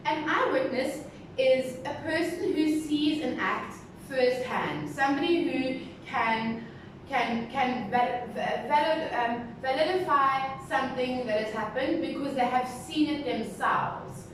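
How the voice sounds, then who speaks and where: A woman teacher giving a recorded lesson to young pupils, speaking slowly and stressing syllables as she teaches new words. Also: high voice, far from the mic. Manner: slow, deliberate, stressing syllables. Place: classroom with a board. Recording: very echoey room, voice from the mic, clear background noise.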